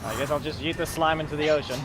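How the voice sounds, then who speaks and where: A game streamer races through casual gameplay commentary, rambling, correcting himself and muttering asides. His voice is a little high with a steady tone, and the stream audio is clearly noisy with clicks.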